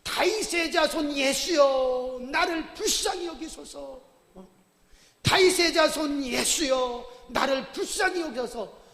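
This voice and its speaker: A man voicing a desperate blind male beggar, crying out in pleading shouts. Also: very high-pitched, lively intonation, moderate pace, voice pushed up. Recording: echoey church hall reverb.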